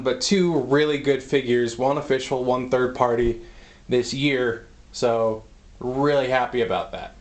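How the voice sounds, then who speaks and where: A man giving a casual spoken toy review, rambling and halting with many fillers, slightly out of breath as he stands by a camera on a tripod. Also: medium pitch. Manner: rambling, halting, full of "uh" and "you know".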